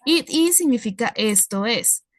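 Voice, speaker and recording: A woman's voice: a little high, lively intonation, measured pace, no echo. Lady teaching english, patient, step by step, keeps asking if ur following, dry close sound. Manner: patient, explains step by step, checks in with "¿listo?". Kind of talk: classroom explanation.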